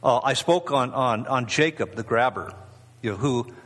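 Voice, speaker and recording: Husky man preaching, rambling and conversational. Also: medium pitch, moderate pace, fairly bright tone, big-room sound. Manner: rambling, conversational, many fillers and restarts. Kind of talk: informal sermon.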